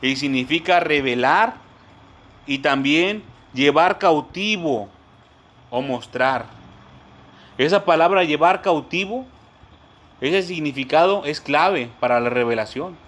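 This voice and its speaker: This man teaches a church Bible study in a voice that's on the high side, a bit bright, animated and unhurried. He repeats his points, often calls the listeners brothers, and explains things word by word, spelling terms out.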